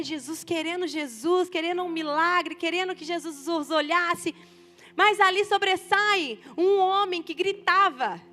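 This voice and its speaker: High-voiced Brazilian woman preaching emphatically. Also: fairly bright tone. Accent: Brazilian Portuguese. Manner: emphatic preaching, addressing women. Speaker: senior pastor. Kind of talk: sermon.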